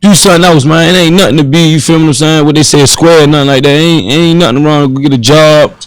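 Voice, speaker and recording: Halting young Baltimore man. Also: a little high, steady tone, dry recording, poor audio. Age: 20s. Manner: halting, heavy on fillers. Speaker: guest rapper. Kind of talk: casual interview chat.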